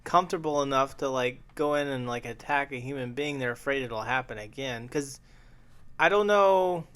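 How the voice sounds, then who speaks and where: A man's voice: mid-range voice, moderate pace, a bit bright, smooth. A man co-hosting a podcast, talking matter-of-factly and hedging with fillers. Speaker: podcast co-host. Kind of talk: casual chat.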